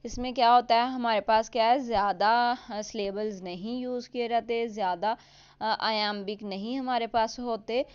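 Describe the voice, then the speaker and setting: A woman teaches a literature lesson, moving between Hindi-Urdu and English terms. Her voice is smooth and resonant, a touch higher than most. The recording sounds somewhat dull and lo-fi. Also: fairly even intonation. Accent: Indian or Pakistani. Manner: mixes English terms into Hindi-Urdu, reads definitions slowly. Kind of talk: explaining a lesson.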